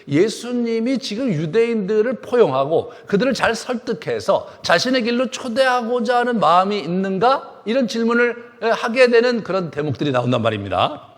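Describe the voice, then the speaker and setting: A man preaching a sermon as pastor, acting out the words he quotes with lively delivery. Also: high voice, normal speed. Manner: animated preaching, acts out quoted speech. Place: church sanctuary. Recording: long hall reverb.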